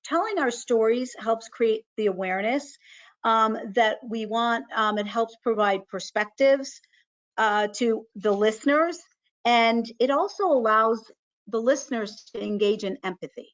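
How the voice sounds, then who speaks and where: Woman, webinar moderator, slightly high voice, upbeat and affirming, dull call audio. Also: measured pace. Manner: upbeat affirmations, some fillers. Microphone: video call. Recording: muffled video call audio.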